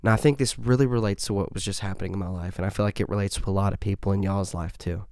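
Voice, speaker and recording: Earnest low-voiced man sharing faith. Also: steady tone, rapid-fire, dry recording, studio quality. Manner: earnest, conversational, frequent "right?" tags and soft laughs. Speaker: podcast host. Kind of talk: faith podcast testimony and encouragement.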